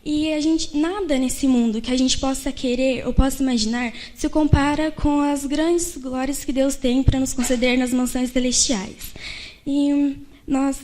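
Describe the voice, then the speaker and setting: A woman's voice: sits high, a little mellow. A young girl giving a short sermon in church, telling a story with lots of fillers and acting out the quoted lines. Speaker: child preacher in a church contest.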